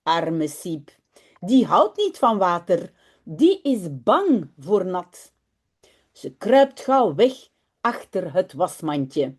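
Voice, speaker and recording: A woman language teacher in her home office, reading a children's story aloud and then explaining it in a friendly, animated way into a webcam mic. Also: lowish voice, drawn-out words, husky.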